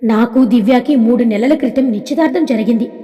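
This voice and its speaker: A woman's voice: fairly high pitch, a little fast, warm tone, lightly acted. A woman voicing a devoted young man who talks earnestly and pleadingly about his missing fiancée, in a storybook with long reverb.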